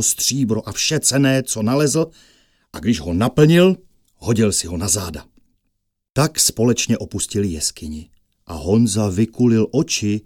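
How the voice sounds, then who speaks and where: A man narrating a fairy tale with lively storytelling that rises with the action. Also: on the low side, no room sound, studio quality.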